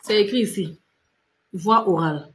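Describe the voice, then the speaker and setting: A woman's voice: mid-range voice, normal speed, a bit bright, echoey room. A woman giving casual, insistent skincare and diet advice on a live stream, repeating herself and talking straight to her viewers. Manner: repetitive, direct, addresses viewers as tu and vous.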